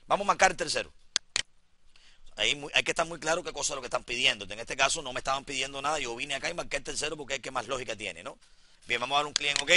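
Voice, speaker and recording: A man teaching a software class in a classroom, repeating each step and talking straight to his students. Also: mid-range voice. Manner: repeats instructions, addresses students directly. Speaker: computer instructor.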